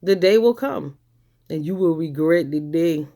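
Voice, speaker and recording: Her voice is deep and mellow, animated but unhurried, as this woman vlogger delivers an angry monologue to camera. Profane and confrontational, she hammers each point by saying it again and again.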